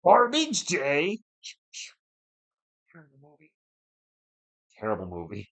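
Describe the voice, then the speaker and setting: His voice sits a little high and fairly bright, with pitch that swoops wildly as he takes things slowly. Nursing a sore throat and a fading voice, he gives relaxed live play-by-play of a basketball game, reading and replying to viewer chat between plays, over dull lo-fi stream audio.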